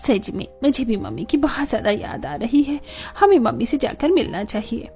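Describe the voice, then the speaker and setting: A woman voicing a group of emotional young married daughters in an animated story, pleading and tearful by turns. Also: fairly high pitch, moderate pace, soft background music. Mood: eager.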